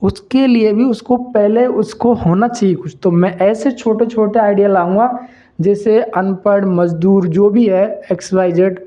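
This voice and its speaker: A man with a high-sitting, dark-toned voice, recorded with the highs cut off, speaks to camera on his own channel. His casual lecture on business ideas is repetitive and emphatic, and he calls viewers brother.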